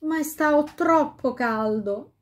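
A woman voicing a frightened young girl calling back from the woods in a high voice. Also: takes it slowly. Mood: plaintive.

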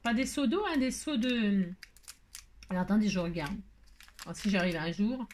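A woman craft vlogger chats casually with her viewers while opening her mail, gushing and effusive, repeating her exclamations and often trailing off before starting again. Her voice is mid-range and a little mellow, with lively intonation at a normal pace, and there's slight background noise.

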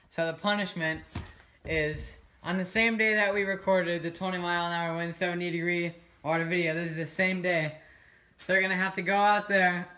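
A teenage man hosting a casual home gaming video in a living room, getting excited and shouting at big catches. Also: high-pitched, roomy sound. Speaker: channel host.

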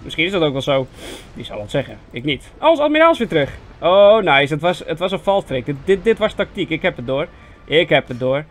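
A young Dutch man giving casual, self-mocking commentary on a strategy game, chatty with sudden excited yelps. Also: fairly high pitch, brisk. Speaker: gaming video host. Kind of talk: casual let's-play commentary. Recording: faint game music behind voice.

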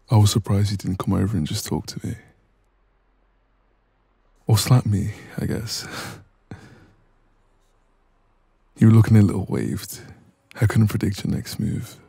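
A man voices a dominant, cocky young ex-boyfriend in an intimate audio roleplay, sounding smug and casual in a soft, breathy delivery close to the microphone. His voice leans low, with no echo, and the mood is teasing and subdued.

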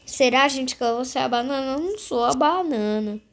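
Female gaming host, notably high-pitched, casual play-by-play aimed straight at viewers, repetitive phrasing. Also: expressive, a little fast. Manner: repetitive, addresses viewers directly. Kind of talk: casual game commentary.

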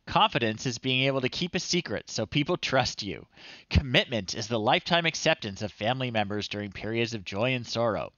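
A medium-pitched man in his thirties gives casual, wry livestream commentary, chatting to himself and reading screen text aloud while playing. The audio is dull, with no echo.

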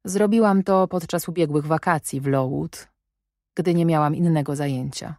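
A woman reading an audiobook, voicing a reserved, proud young governess who answers in a plain, quietly firm way. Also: low voice, normal speed, no room sound, studio quality. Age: young adult.

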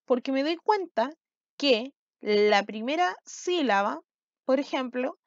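Patient teacher, high voice. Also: female voice, expressive, takes it slowly, no room sound. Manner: patient, explanatory, frequent checking questions. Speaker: school language teacher. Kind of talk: recorded video lesson. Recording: dull, slightly lo-fi sound.

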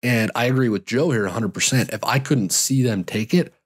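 In a mid-range voice that runs a little fast, a man in his thirties answers listener questions on his solo podcast, his delivery a touch raspy from a cold. He's a fly fishing guide and host, rambling easily with frequent uh's and restarts. He sits in a home studio with gear shelves, talking into a large studio mic with headphones on.

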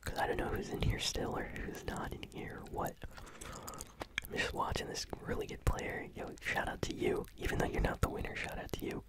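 A gaming channel host whispering ASMR commentary while chewing gum and reacting excitedly to a match. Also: brisk. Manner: whispering throughout.

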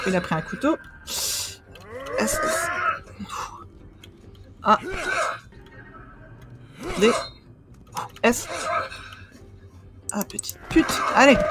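Excitable French woman streaming a game. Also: mid-range voice, heavy background noise. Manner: excitable, swears, reacts loudly. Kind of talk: casual let's play commentary. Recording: game sound echoing behind.

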